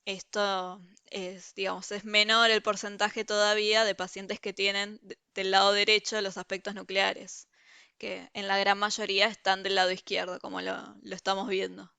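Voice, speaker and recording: Woman teacher on a video call, bright clear voice, walks through the material and keeps checking "¿sí?". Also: medium pitch, level tone, moderate pace, no echo. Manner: explanatory, checks understanding with frequent "¿sí?". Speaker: university teacher. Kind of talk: online review class.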